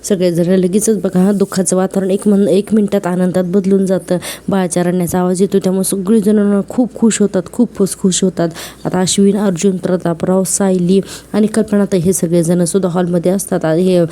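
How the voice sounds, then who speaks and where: Woman doing a chatty episode recap, very dark mellow tone, kinda flat delivery. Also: lowish voice, fairly quick. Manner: retells scenes, quoting characters in plain voice. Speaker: serial episode reviewer. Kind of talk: casual narrated recap.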